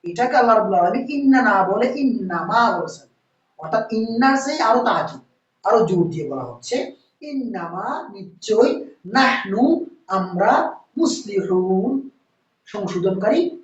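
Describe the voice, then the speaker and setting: A woman giving a classroom lecture on Arabic grammar, slowly repeating words and asking her students questions. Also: on the high side. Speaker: Quran teacher. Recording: roomy, dull, distant mic.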